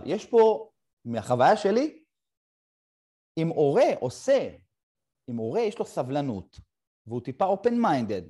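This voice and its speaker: A middle-aged man hosts a casual conversation. He tells a personal story in a halting way, with short pauses between phrases. His voice has a mellow, darker tone. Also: medium pitch, slightly rough. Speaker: podcast host.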